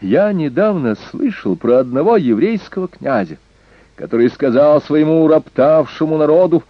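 A man voicing an arrogant, cruel young male Hun prince who shouts threats in a harsh, shrill, high-pitched voice. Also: dry recording. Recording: dull lo-fi recording.

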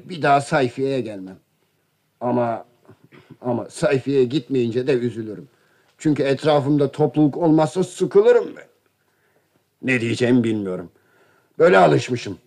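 An actor playing a lonely older wealthy man who hosts summer guests, in a radio play, with a calm, dry manner. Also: mid-range voice, moderate pace, gravelly, lightly acted. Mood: weary, lonely. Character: older wealthy male host, lonely and mocked.

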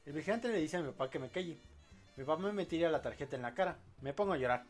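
A man's voice: on the high side, expressive, fast, soft background music. A man hosting a casual live podcast, rambling and joking as he reads audience posts aloud. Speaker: podcast host.

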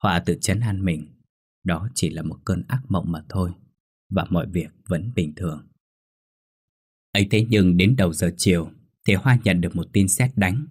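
A man narrating a scripted ghost story in a steady, somber way. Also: sits low, breathy edge. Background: faint music.

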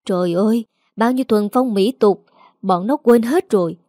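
A woman voicing gossiping village women who sneer with slow, disapproving talk, in a Southern Vietnamese accent. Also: medium pitch, warm tone, no room sound, studio quality, close to an everyday voice. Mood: scornful.

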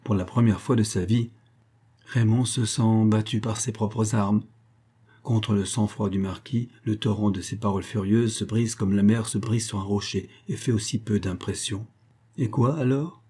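Reading a novel aloud as an audiobook, a man tells the story in a measured, even way. His voice is fairly low with a breathy edge.

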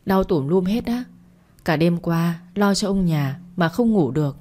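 A woman's voice: lowish voice, lively intonation, unhurried, mellow. A woman narrator voicing a scheming, self-pitying middle-aged mother, complaining and pleading.

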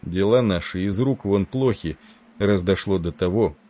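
Role: captain. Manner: curt, irritable. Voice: deep, husky man reading. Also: normal speed, dark tone. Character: stern middle-aged male ship captain.

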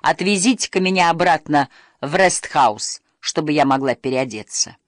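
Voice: mid-range voice, moderate pace, no room sound, studio quality, close to an everyday voice. A reader doing a fed-up, firm wife. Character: soaked, irritated adult wife.

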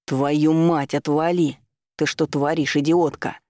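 A man's voice: on the high side, little pitch movement, moderate pace, gravelly, mellow, no room sound, clean studio sound. A man voicing a blunt, irritated young man who speaks in a curt, dismissive way.

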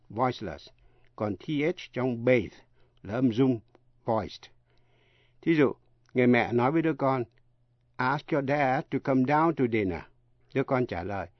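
Guy teaching english words on the radio, slow and careful, muffled dry broadcast. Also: medium pitch, no room sound. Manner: slow, careful spelling out of letters. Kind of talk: radio English pronunciation lesson.

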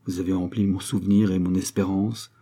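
A man's voice: sits low, level tone, fairly quick, warm tone, husky. A man reading the part of a nervous young male count, an earnest suitor who pleads eagerly and lifts his voice as he talks.

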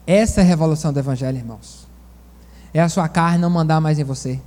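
A man from Bahia, preaching a sermon in a folksy, animated storytelling manner with asides to the congregation. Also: a little high, quick pace, long reverb tail. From Bahia, Brazil.

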